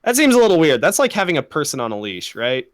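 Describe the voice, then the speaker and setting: Young guy podcast cohost, smooth clear voice, dry close sound, rambles and swears. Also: fairly high pitch, huge pitch swings, quick pace, no echo. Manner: rambling, profane, laughs often. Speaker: podcast co-host. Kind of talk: casual chat.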